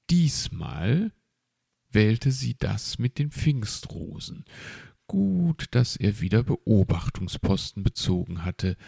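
A man reading a children's story aloud with expressive, unhurried storytelling. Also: on the low side, gravelly, husky, no echo, clean studio sound. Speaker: narrator.

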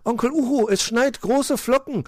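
A man voicing a small, eager young creature calling out with excitement. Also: on the high side, fast talker, no room sound, voice pushed up. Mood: excited.

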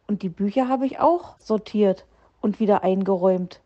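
A woman's voice: medium pitch, moderate pace, highs cut off, lightly acted. A woman voicing an eager, proud little hare child who chatters along.

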